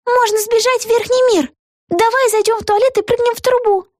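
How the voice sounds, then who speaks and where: A woman voicing an eager, brave young witch girl in an audiobook, with a high, lively and urgent delivery. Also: normal speed, dry recording, studio quality. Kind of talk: audiobook character voice.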